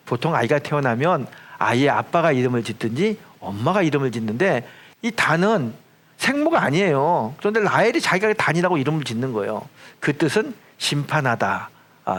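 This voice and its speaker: A man's voice: a little high, fairly bright tone. Storytelling male pastor preaching. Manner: storytelling preacher, acting out quoted lines with rising and falling emphasis. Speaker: senior pastor. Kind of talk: sermon. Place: church sanctuary.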